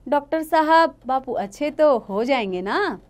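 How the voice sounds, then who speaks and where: A woman's voice: high-pitched, lively intonation, measured pace, voice pushed up. A woman voicing an eager twelve-year-old village girl who pleads insistently. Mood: pleading.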